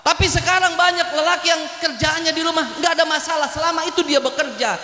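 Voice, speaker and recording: High, bright preacher in an echoey hall. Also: male voice, fairly even intonation, quick pace. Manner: joking, keeps asking the women listening for agreement. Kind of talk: comic wedding sermon. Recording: echoey hall with long reverb.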